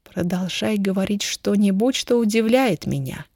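A woman voicing a playful young wife in a raised, lively, teasing tone. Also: mid-range voice, moderate pace, no room sound, clean studio sound.

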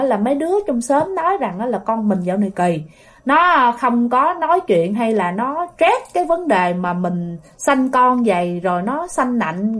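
A woman with a Southern Vietnamese accent telling a ghost story in a chatty way, talking straight to her listeners. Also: sits high. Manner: chatty, addresses listeners directly.

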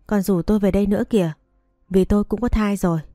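A woman's voice: medium pitch, steady tone, fast talker, dark tone, dry recording, clean studio sound, faint music behind, lightly acted. Woman reading as a brash taunting mistress. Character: brazen young mistress, woman.

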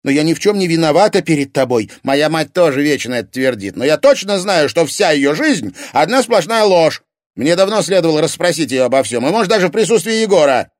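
Hot-headed young man, loud and raised, read by a man, dry close sound. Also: medium pitch, animated, fast, no echo, voice pushed up, lightly acted. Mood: furious. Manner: loud, bitter, shouting accusations. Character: angry young man, hot-tempered son. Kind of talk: audiobook character reading.

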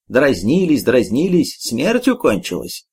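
A man's voice: mid-range voice, huge pitch swings, a little slow, a little mellow, husky, exaggerated voice. A man voicing a defensive middle-aged village woman in an audiobook.

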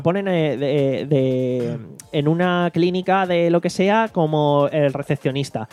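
Chatty man, slightly high voice. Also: a little mellow. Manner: retells a comedy show with lots of fillers and swearing. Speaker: podcast host. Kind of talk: casual chat.

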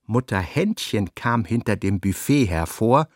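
A man narrating a literary audiobook in a measured, expressive storytelling manner. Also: on the low side, dry recording, studio quality.

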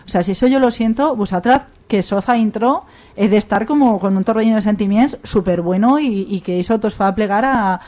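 A woman's voice: medium pitch, brisk, darkish tone. A woman with an Aragonese accent, talking on a radio panel in a rambling, emphatic way. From Aragón. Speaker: radio show guest. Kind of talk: casual roundtable chat.

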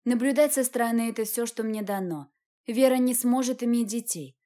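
Woman narrator, audiobook reading, mellow tone, slightly high voice, measured. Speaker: audiobook reader. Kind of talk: first-person audiobook narration.

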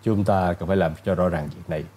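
A man's voice: low-pitched, steady tone, warm tone, a little hiss or hum, voice pushed down, lightly acted. A man doing a cold, stern old judge. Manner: slow, dry, clipped.

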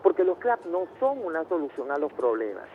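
High-voiced Venezuelan man on a phone line. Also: sing-song, fairly quick. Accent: Venezuelan, Caracas. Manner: insistent, keeps cutting in to make his point. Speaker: radio caller. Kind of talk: phone-in debate. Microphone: telephone. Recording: tinny phone line with faint noise.

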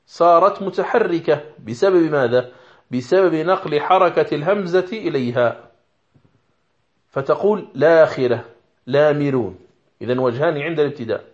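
A man's voice: a little high, darkish tone. A man teaching a lesson on Quran recitation rules, explaining carefully and sounding out example words aloud. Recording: dull lo-fi recording.

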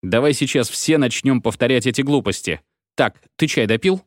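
A man voicing a gruff, ironic father. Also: mid-range voice, animated, moderate pace, no room sound, studio quality, pitched above the performer's own voice, natural voice. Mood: grumbling.

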